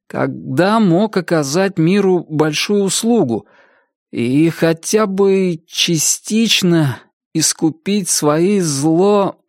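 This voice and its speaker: A man voicing a cheerful young male student who reads aloud slowly and stumbles over words. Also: fairly high pitch, darkish tone, no room sound, studio quality, voice pushed up. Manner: slow stumbling reading aloud.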